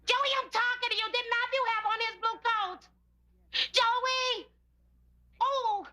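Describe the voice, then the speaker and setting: An actress playing an exasperated mother of two boys in a sitcom, loud and scolding. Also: extremely high pitch, lively intonation, moderate pace, heavily acted. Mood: frantic. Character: frazzled, loud, bossy young housekeeper-mother. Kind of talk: sitcom acting.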